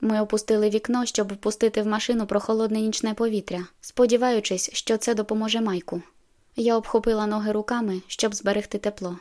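A woman narrating a novel in the first person, in a measured, intimate storytelling manner. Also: medium pitch, fairly even intonation, a little mellow. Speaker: audiobook narrator.

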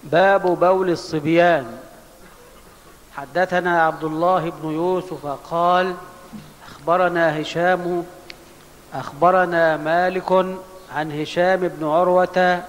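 A man with a high voice recites hadith and their chains of narrators in careful formal Arabic. The recording carries a long hall reverb. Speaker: student reading hadith aloud.

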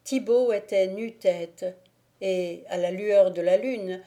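A woman reading a classic novel aloud as a volunteer audiobook narrator, in a calm, measured way. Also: lowish voice.

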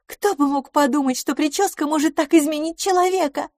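A woman's voice: lively intonation, moderate pace, no room sound, clean studio sound. A woman reading as a giddy, gushing young woman. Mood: amazed. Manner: breathless, exclaiming, high and bright.

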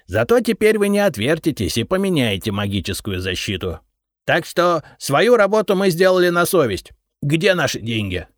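In an audiobook, a man voices a brash, smug treasure-finder who argues defiantly and raises his voice, sounding cocky. His mid-range voice swings widely in pitch at a moderate pace, slightly bright and pushed up, with studio-quality sound and no echo.

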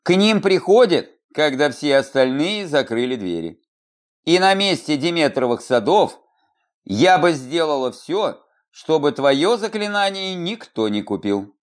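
A sharp-tongued little salamander girl who frets and scolds, as a male reader puts her on. Her lines sit a touch higher than his narration and swing around lively. It is an audiobook reading. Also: unhurried. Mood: warning. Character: sharp-tongued female salamander companion, young.

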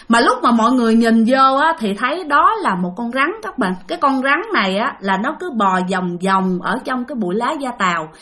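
A woman's voice: on the high side, a bit bright. A woman telling listener-sent ghost stories in a chatty, casual way, speaking to the audience and repeating herself for emphasis. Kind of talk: casual spoken storytelling.

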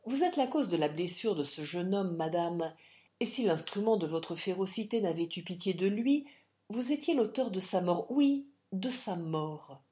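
A woman reading the impassioned, threatening speeches of a bold Irish adventurer gentleman in an audiobook. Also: fairly low pitch, expressive, moderate pace, close to an everyday voice.

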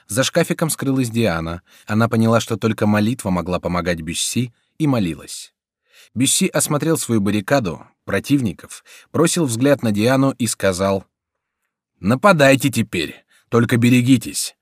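A man narrating a historical adventure audiobook in a dramatic, measured reading. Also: lowish voice, lively intonation, no echo, clean studio sound. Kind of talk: scripted narration.

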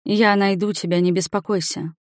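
A calm older sister, quiet and firm, giving steady reassuring directions, as a woman reads her in an audiobook. Her voice sits at a mid pitch and sounds dry and close. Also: normal speed, dry recording, close to an everyday voice. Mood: soothing. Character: calm older sister leading through darkness.

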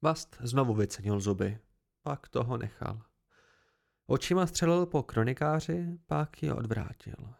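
A man reading an audiobook aloud as an amateur narrator, telling the story plainly in a gravelly voice. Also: medium pitch. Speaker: audiobook reader.

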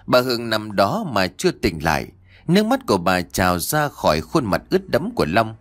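A man's voice: lowish voice, wildly swooping pitch, brisk, a bit bright, no room sound, clean studio sound. A man narrating a ghost story and voicing its characters himself. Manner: voices every character in quoted lines. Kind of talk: scripted horror story narration.

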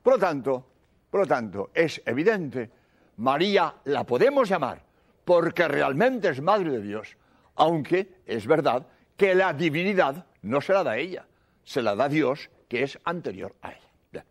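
A man's voice: on the high side, big pitch swings, unhurried. A man preaching a sermon, emphatic and repeating key phrases, explaining doctrine with everyday examples. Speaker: priest.

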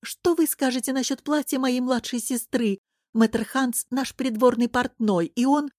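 A frivolous young princess, voiced by a woman reading the book, bright and eager, her lines lifted noticeably higher than the reader's normal voice. She chatters on with breezy enthusiasm and little patience. The sound is close and completely dry. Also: steady tone, unhurried, no echo. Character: gushing, frivolous young court lady princess. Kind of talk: audiobook character voice.

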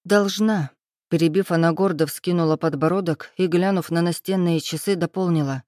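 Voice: medium pitch, fairly even intonation, a little fast, darkish tone, no room sound. Dry close-miked audiobook reader. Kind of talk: first-person novel narration.

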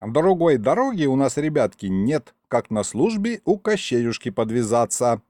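A man's voice: mid-range voice, very animated, normal speed, darkish tone, no room sound, clean studio sound. A man voicing a cranky old grandfather house spirit with grumbling, folksy speech in an audiobook.

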